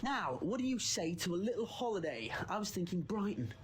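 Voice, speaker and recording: Man playing lively, rambling eccentric Doctor. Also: high voice, fairly quick, a little hiss or hum. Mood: evasive, breezy. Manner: chatty, exuberant, theatrical. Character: breezy, eccentric, rambling male time-travelling adventurer. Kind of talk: audio drama acting.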